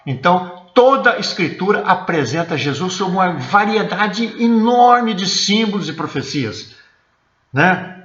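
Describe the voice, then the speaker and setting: A man's voice: high-pitched, animated, measured pace, a bit bright, roomy sound, highs cut off. A man with a Brazilian accent, a church elder teaching a sermon for an online service and often checking in with his listeners. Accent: Brazilian Portuguese. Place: church, indoors.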